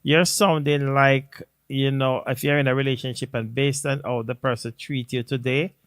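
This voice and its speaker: A man's voice: medium pitch, little pitch movement, moderate pace, a bit bright, dry recording, clean studio sound. A man co-hosting a casual live-stream chat with his wife, speaking thoughtfully and hesitantly, with many fillers and restarts. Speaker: co-host.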